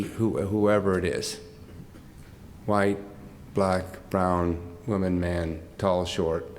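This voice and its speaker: An older man speaks at a tribute event in a somewhat low voice, moved close to tears. He stops and restarts often, laughing through the emotion. A faint hum of room sound sits behind him. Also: darkish tone. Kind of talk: heartfelt off-the-cuff remarks.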